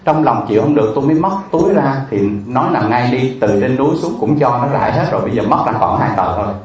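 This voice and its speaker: A Buddhist monk tells a story as a sermon, in a vivid and emotional way, with many repeated fillers. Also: male voice, mid-range voice, lively intonation, quick pace, a crowd in the background. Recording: echoey room, distant mic, faint ambience.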